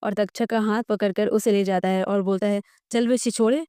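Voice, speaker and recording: Female storyteller for a recap channel, warm and smooth, dry close sound. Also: medium pitch, flat delivery, brisk, dry recording. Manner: reads all characters' lines in near her own voice. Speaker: story explainer narrator. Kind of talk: dramatic story recap narration.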